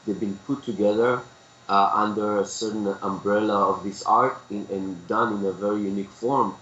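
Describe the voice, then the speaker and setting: Deep-voiced man with an Israeli accent. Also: fairly even intonation, moderate pace, fairly bright tone, reverberant, lo-fi sound, slight background noise. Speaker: guest. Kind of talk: conversational interview. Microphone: video call.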